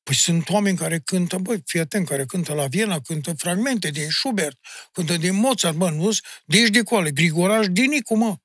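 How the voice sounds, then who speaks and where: A middle-aged man with a Maramureș Romanian accent tells stories in a casual podcast chat. He is emphatic and insistent, and his husky voice swings widely in pitch. The sound is dry and close to the mic. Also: no echo. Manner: animated storyteller, addressing the host bluntly with "mă" and "domne". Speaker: guest, folk singer and music teacher.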